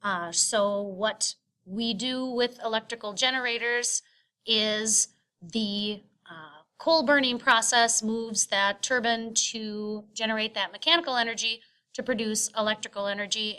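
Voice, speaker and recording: A woman teacher narrating a screen-recorded lecture, explaining step by step in a halting way with frequent filled pauses. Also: on the high side, sharp tone. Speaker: science teacher. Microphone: screen recording voice-over.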